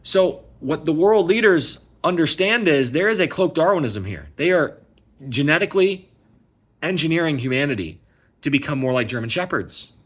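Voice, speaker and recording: A man's voice: on the high side, lively intonation, normal speed, slightly rough. A man giving a casual, emphatic ranting monologue, repeating himself and asking "okay?" often. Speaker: vlogger.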